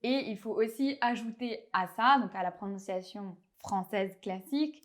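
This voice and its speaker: In a mid-range voice, this woman from France teaches a language lesson with a French accent. Her delivery is clear and didactic, and she eases her pace to spell out pronunciations.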